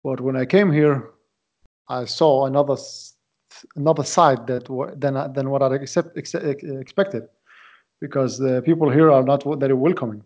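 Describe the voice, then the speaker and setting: A man in his late twenties, originally from Iraq, talking as a podcast guest in a halting way, often repeating words as he searches for them. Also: mid-range voice, darkish tone. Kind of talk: casual interview talk. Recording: dull lo-fi audio.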